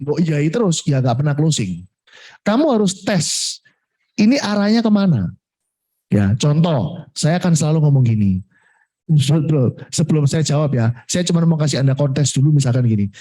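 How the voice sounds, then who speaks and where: A man coaches a room of insurance agents, his pitch swinging up and down as he talks. His voice sits mellow and warm, and he acts out client replies in quick little scenes. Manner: lively, mixes in Javanese and English words, acts out client replies. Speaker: sales coach.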